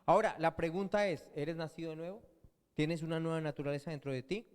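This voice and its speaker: A man's voice: fairly high pitch, steady tone, quick pace, smooth. A man preaching a sermon as pastor, often asking his congregation questions and answering them himself. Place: church hall. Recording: long church-hall reverb.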